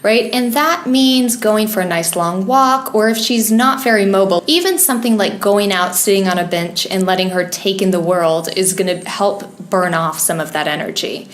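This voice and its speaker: A woman's voice: mid-range voice, moderate pace, few pauses. A woman co-hosting a podcast about pets, explaining care tips in an earnest, easygoing way and laughing readily. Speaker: podcast co-host, pet wellness expert. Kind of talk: casual podcast chat. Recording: roomy echoey podcast recording.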